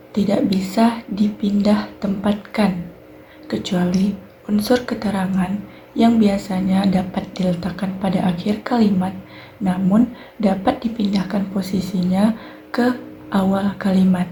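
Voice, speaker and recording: Young woman, Indonesian accent, student presentation, mellow voice, slight background hiss. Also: medium pitch, steady tone, unhurried. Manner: clear explanatory delivery, fillers like "nah" and "baik". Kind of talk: recorded class presentation.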